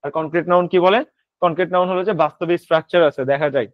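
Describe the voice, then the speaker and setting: A male English tutor with a Bangladeshi accent teaches a grammar lesson, firing quick questions at students and answering them himself. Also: a little high, steady tone, no room sound. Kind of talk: online admission-prep grammar lesson. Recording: slightly dull lo-fi audio.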